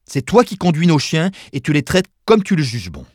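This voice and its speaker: A man's voice: huge pitch swings, moderate pace, dry recording, clean studio sound. A man reading an audiobook, putting on a delicate, fussy young woman who exclaims and pleads in a raised voice. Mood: defiant. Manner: high, exclaiming, imploring. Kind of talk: audiobook character voice.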